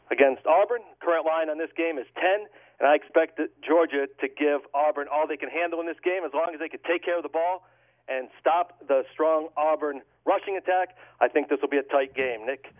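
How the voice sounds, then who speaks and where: A man as a guest handicapper giving a measured, prepared-sounding football pick analysis on radio, over a thin phone-like line. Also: fairly high pitch.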